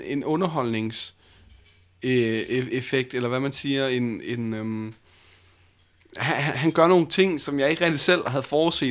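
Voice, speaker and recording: A man's voice: mid-range voice, a bit bright. Rambling young Danish-speaking man. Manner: rambling, many fillers and restarts. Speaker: podcast co-host and battle judge. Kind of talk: casual podcast chat.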